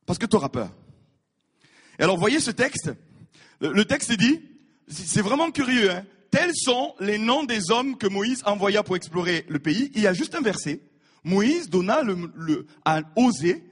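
A man preaching a sermon, animated, repeating his words and acting out the people in his stories. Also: sits high, unhurried, pauses often, breathy edge. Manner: animated, repeats words, acts out voices of biblical figures. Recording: reverberant hall.

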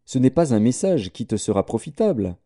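A man's voice: mid-range voice, big pitch swings, fairly quick, warm tone. A man reading aloud voices a stern army commander giving firm orders.

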